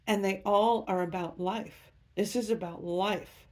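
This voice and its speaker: A woman's voice: mid-range voice, steady tone, measured pace, a little mellow. A woman giving a tarot reading to camera, upbeat and speaking straight to her viewers. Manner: enthusiastic, addresses viewers directly. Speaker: tarot reader.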